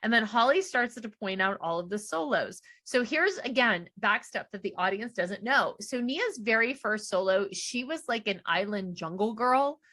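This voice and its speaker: A middle-aged woman co-hosting a podcast, chatting casually and acting out quotes with quick reactions. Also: fairly high pitch, lively intonation, sharp tone. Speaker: podcast co-host. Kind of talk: casual chat recapping a reality show.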